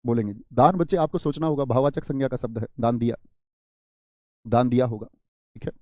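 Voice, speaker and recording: Recorded dry with lo-fi sound, a brisk man with a mid-range voice teaches Hindi grammar online. Treating his students as friends, he addresses them directly, drawing out and emphasizing single words to make his points, with preachy asides.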